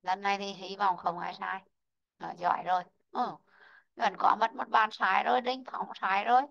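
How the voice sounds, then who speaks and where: A woman teaching an online English lesson, slowly modelling word stress and calling out students who answered right. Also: medium pitch, steady tone, creaky, fairly bright tone, dull audio. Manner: slow, drawn-out model pronunciations of English words; calls out student names and marks answers right.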